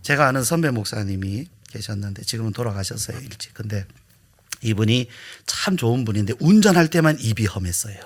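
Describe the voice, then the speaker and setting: Animated Korean pastor preaching a sermon. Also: male voice, lowish voice, a little fast. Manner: dramatic swings from hushed asides to loud emphatic questions. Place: church sanctuary.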